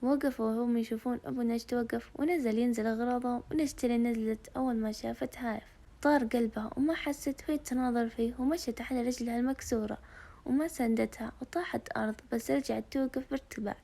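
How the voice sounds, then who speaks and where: A woman narrating a novel in a lively storytelling manner. Her voice is gravelly, mellow and rather high, and she reads fast. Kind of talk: novel reading.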